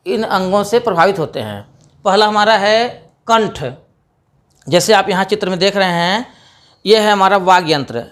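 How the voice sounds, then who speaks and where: A woman teaching a grammar lesson as a voice-over for slides, with a voice of average pitch. She speaks with patience and sounds each letter out on its own. Then she poses a question and answers it herself, the way a teacher does with children. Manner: patient, demonstrates sounds aloud one by one.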